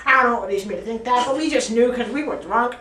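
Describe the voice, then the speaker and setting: High-ish and a bit bright, this teenage student's voice moves at a quick pace as she improvises a rambling, absurd tale in class, frequently giggling. The sound is echoey, captured by a camera set up far across the classroom.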